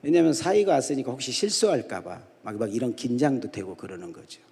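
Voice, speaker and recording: A man's voice: mid-range voice, big pitch swings, fast, dark tone. A middle-aged man preaching a sermon as a guest pastor. He tells funny stories and keeps quizzing the congregation with call-and-response questions. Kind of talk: humorous storytelling sermon. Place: large church sanctuary at a dawn prayer service. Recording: echoey church hall reverb.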